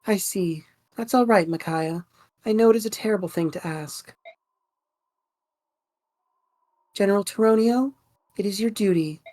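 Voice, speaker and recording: A woman voicing a gentle, resigned young king with measured, formal, noble delivery in a video game story. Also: medium pitch, natural voice. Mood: solemn resolve. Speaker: reader of a game character's lines. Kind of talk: dramatic video game dialogue reading.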